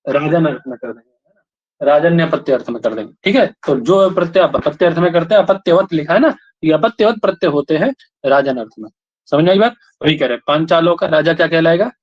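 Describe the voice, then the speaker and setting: A man with a somewhat high voice leads a grammar class, firing questions and repeating them until students reply. The recording sounds dull and lo-fi. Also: animated, a little fast. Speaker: Sanskrit grammar teacher.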